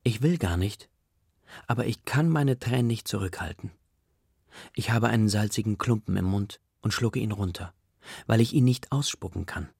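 Gravelly, husky male audiobook narrator. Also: lowish voice, moderate pace, a little mellow, no room sound, clean studio sound.

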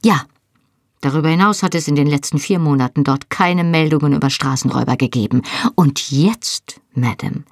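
A cold, measured army captain questions his captive with sarcastic patience, as a woman narrator puts him on. The voice sits low and husky, with a gravelly edge. The recording is close and dry. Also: dry recording. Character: stern, sarcastic male army captain interrogating. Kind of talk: audiobook reading.

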